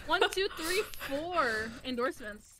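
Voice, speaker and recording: A woman's voice: high-pitched, animated, a little slow, a crowd in the background, rough recording. A young woman playing online with a friend, giggly and bantering playfully over voice chat. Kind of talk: casual gaming chat.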